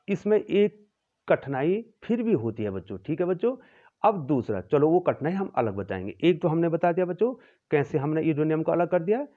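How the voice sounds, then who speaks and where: A man teaching a physics lesson to students, repeating key terms, often checking in with them, and correcting himself when he stumbles. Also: a little high. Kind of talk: classroom lecture. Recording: tinny phone-like sound.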